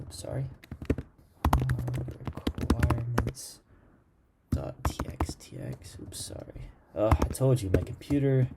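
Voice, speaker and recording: A man's voice: fairly low pitch, warm tone, a little hiss or hum. A man teaching a coding lesson over his screen, thinking aloud and muttering commands as he types. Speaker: programming instructor. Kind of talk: screen-recorded coding tutorial.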